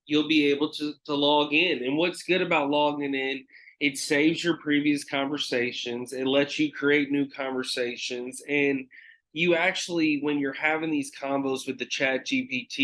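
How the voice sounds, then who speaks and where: On his solo podcast, a man with a mid-range, slightly bright voice chats casually, using lots of fillers and some swearing. He sounds nasal since he's getting over a cold, and the recording quality is low.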